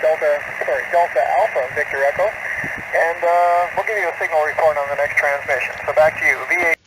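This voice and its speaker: A man's voice: fairly high pitch, fairly even intonation, a little fast. A man, an amateur radio operator, calling on the air in the phonetic alphabet, heard through a static-filled ham radio receiver. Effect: heard over a static-filled ham radio receiver. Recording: noisy static over radio reception.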